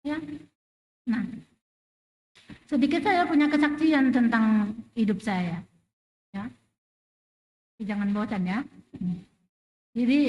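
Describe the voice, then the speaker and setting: A woman's voice: high-pitched, low-quality recording. A middle-aged woman giving an emotional, emphatic testimony in a church service. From Indonesia. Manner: emotional, emphatic, rising and falling loudness. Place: church sanctuary.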